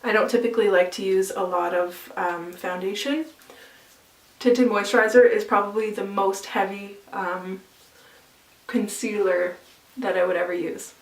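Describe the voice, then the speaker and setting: A woman chats her way through a makeup tutorial, relaxed and explanatory, pausing with small fillers as she works. Her voice sits at a middle pitch. It is recorded in an echoey room from a little distance off the mic. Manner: chatty, explains while applying, with fillers. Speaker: makeup vlogger.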